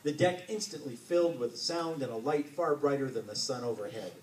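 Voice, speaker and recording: A man, an author, reading a story aloud to a bookstore audience with expressive narration. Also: medium pitch, brisk. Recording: roomy, distant mic, faint hiss.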